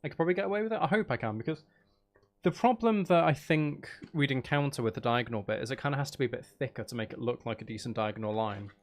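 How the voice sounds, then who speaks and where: Speaking at a quick pace in a mid-range voice, a male livestream host chats casually while gaming. He thinks aloud as he builds, teases his viewers in good fun, and lets a few mild swear words slip.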